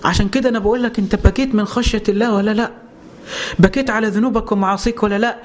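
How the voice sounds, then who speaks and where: High-voiced fast Egyptian preacher man. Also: fairly even intonation. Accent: Egyptian Arabic. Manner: rhetorical questions answered himself, impassioned. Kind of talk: Egyptian Arabic religious lesson.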